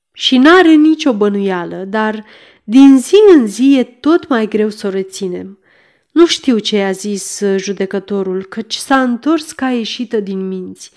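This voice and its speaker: A woman's voice: mid-range voice, darkish tone, close to an everyday voice. A woman voicing a chatty, confiding middle-aged innkeeper's wife in an audiobook.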